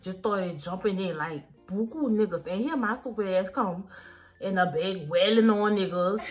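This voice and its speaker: A woman's voice: mid-range voice, normal speed. A young woman, tipsy and rambling, chatting casually in profane slang and repeating herself as she tells a story. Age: young adult. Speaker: makeup vlogger. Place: small dim room indoors. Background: faint music.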